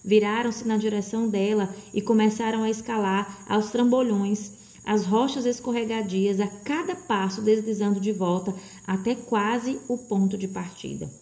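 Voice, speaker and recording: A woman reads a children's tale aloud with steady, expressive pacing. Her tone is mellow and dark-leaning, neither high nor low, carrying the story evenly. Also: moderate pace. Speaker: audiobook reader. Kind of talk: scripted storybook narration.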